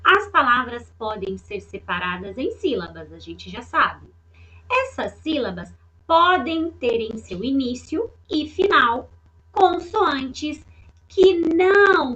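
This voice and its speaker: A woman's voice: sits high, a bit bright, low-quality recording. A woman teaching a recorded online lesson to young children, patient and repetitive, often checking that they follow. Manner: patient, repeats words and checks understanding. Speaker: primary school teacher.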